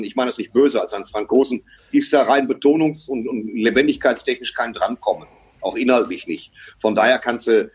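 A man's voice: mid-range voice, breathy edge. A man talking as a guest in a casual chat, blunt and emphatic with casual swearing.

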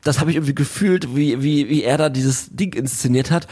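A man's voice: medium pitch, a little fast, a little mellow, breathy edge. A man co-hosting a podcast, a former director who eagerly explains camera technique in casual chat. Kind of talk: casual chat about a TV series.

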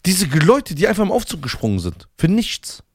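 A man in casual podcast conversation, recorded close and dry with no room sound. His slightly high voice moves up and down expressively, and he speeds up as his story builds. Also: dry recording. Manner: storytelling, rushes when excited. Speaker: podcast co-host. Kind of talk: casual chat.

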